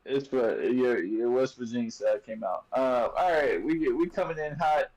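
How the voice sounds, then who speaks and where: A man's voice: mid-range voice, moderate pace, darkish tone, rough recording. A man hosting a sports podcast in loose, joking casual chat, full of fillers and restarts. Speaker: podcast host.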